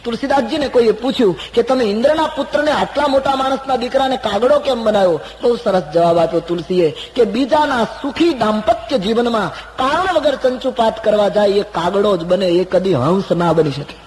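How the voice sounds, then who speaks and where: A man giving a devotional storytelling discourse, moving between soft murmured asides and loud raised exclamations, now and then singing verses slowly. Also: high voice, long reverb tail, a little hiss or hum, rough recording. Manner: slowly sings scripture verses. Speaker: spiritual storyteller.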